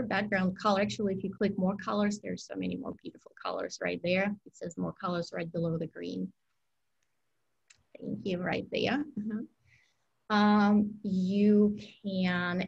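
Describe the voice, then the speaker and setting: Over a video call, a woman with Russian as her first language leads an educational webinar, cheerful and explanatory and full of ums. Her voice sits at medium pitch with vocal fry and a breathy edge, while the recording loses its high frequencies.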